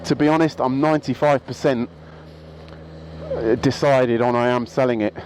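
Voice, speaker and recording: Male moto-vlogger, middle pitch, casual rambling monologue outdoors, faint street noise. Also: fairly even intonation, normal speed, darkish tone, rough recording. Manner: rambling, self-interrupting. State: out of breath. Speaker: motorcycle vlogger. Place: outdoors by a road.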